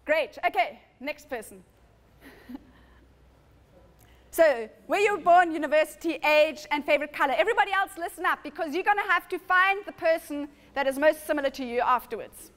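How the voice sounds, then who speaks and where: High-voiced woman giving a lecture. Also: lively intonation, moderate pace, fairly bright tone. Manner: explanatory, often restarts and corrects herself. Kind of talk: conference lecture. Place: lecture room with audience.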